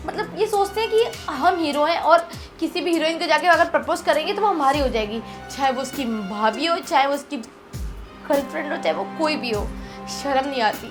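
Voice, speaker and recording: A woman's voice: sits high, lively intonation, normal speed, over music. A young woman playing a lonely wife who scolds with indignation in a melodramatic short film. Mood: disgusted.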